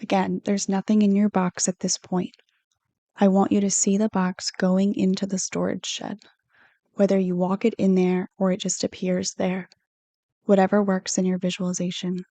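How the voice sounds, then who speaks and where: This is a guided meditation read from a script by a woman with a counselor's mellow, easygoing tone. She stays on one level pitch, soothing and unhurried as she offers gentle guidance. The sound is dry and close, free of any room reverberation.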